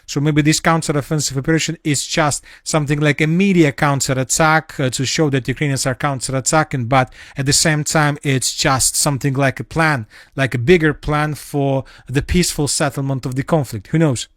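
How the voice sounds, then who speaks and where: A man with a manner giving a solo spoken analysis of war news, halting often with fillers and restarts. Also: fairly high pitch, fairly even intonation, fairly bright tone, dry recording, clean studio sound. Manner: halting, many fillers and restarts, non-native phrasing.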